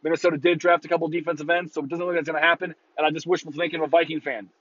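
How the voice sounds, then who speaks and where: Male sports talk host, slightly high burnt-out voice, blunt and sweary, opinionated casual ranting, dry close sound. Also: flat delivery, rapid-fire, fairly bright tone, no echo, muffled recording. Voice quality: burnt-out, worn voice. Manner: opinionated, breaking into mocking quotes. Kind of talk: casual football rant commentary.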